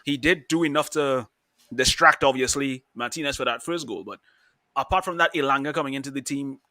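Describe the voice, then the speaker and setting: A man's voice: mid-range voice, a little fast, bright, forceful tone, no room sound, studio quality. A man in his thirties co-hosting a casual football chat, rambling with restarts and laughing easily. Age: 30s. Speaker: podcast co-host.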